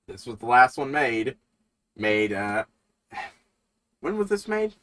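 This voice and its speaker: A man's voice: medium pitch, a bit bright. A man giving casual, rambling reaction commentary on a cartoon, swearing and laughing as he goes. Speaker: reaction streamer.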